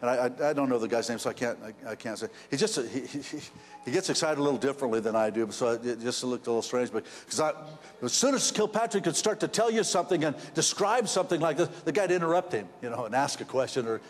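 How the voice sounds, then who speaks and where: A man preaching a sermon, rambling and repeating words as his storytelling builds in excitement. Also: mid-range voice, fast, big-room sound. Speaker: pastor.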